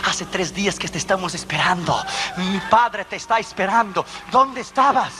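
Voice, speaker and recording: A man voicing a huge, stern male Soviet army guard, gruff and questioning, in a noisy recording. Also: high voice, normal speed, close to an everyday voice. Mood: urgent.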